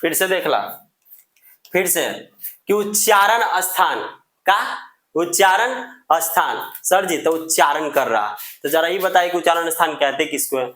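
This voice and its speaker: A man's voice: on the high side, unhurried, a bit bright, reverberant. A man teaching a grammar lesson. He repeats and drills each term and answers his own questions in a student's voice.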